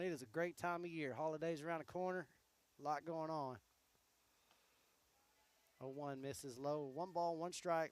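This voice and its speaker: Hoarse man calling softball play-by-play. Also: no echo. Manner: easygoing, chatty between pitches. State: hoarse, losing his voice. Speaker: play-by-play announcer. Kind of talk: high school softball commentary.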